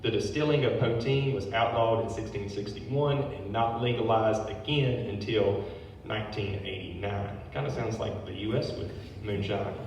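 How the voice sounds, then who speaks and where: A brewery owner with a lowish, slightly mellow voice reads at a normal speed from notes during a public history talk, pausing for informal asides. Heavy hall echo, a distant mic, and faint noise shape the sound.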